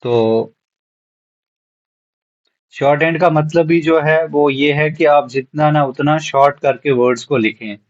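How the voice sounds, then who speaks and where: Slow, patient man teaching a lesson. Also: fairly high pitch, lo-fi sound. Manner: spells words letter by letter, repeating each one slowly. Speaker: shorthand teacher. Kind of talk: classroom lesson.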